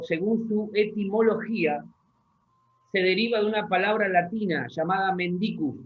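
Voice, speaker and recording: High-voiced pastor preaching. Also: male voice, phone-quality sound. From Argentina. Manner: slow, deliberate scripture reading with pauses; asks the congregation questions. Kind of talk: sermon. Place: church hall.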